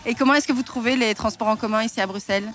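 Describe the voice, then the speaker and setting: A woman's voice: a little high, rapid-fire, fairly bright tone, soft background music. A woman interviewer asking probing follow-up questions in a street interview.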